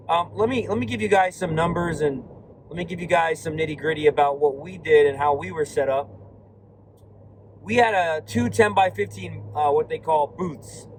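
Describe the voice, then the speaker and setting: A man talks while he drives, his voice hoarse and worn from recent loss. He rambles in a casual way, full of ums and restarts, with a slightly high voice. A faint hum of car noise runs under him. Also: normal speed, rough recording. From Florida. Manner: rambling, many fillers and restarts. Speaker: card shop owner. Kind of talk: casual vlog while driving. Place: inside a moving car.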